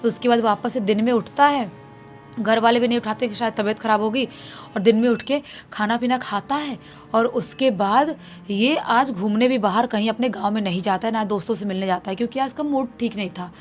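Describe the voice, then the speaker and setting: A woman casually narrating a spooky story, acting out the characters' lines with a raised, louder voice. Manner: acts out quoted characters with raised pitch and loudness. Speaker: horror storyteller. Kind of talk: casual spoken horror narration.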